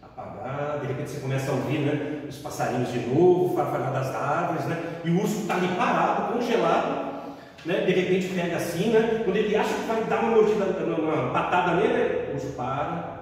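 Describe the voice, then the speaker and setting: A man's voice: fairly high pitch, brisk. A man giving a spiritist lecture, telling stories and tagging lines with "né?". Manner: frequent "né?" tags, acts out voices in stories. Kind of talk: religious lecture with storytelling. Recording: echoey hall from far off, faint noise.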